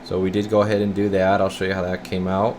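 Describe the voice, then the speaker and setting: Speaking fast in a low-pitched voice, a radio repair technician walks viewers through a hands-on fix to camera, casual and folksy, calling them "guys." He's in an indoor repair workshop with clear, steady room noise.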